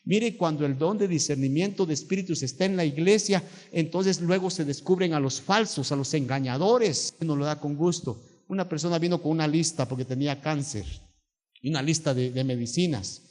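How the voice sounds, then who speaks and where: A man's voice: on the high side, brisk, darkish tone. A middle-aged man with a Guatemalan Spanish accent, preaching a sermon as pastor and acting out the voices in his stories. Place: church sanctuary. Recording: long hall reverb.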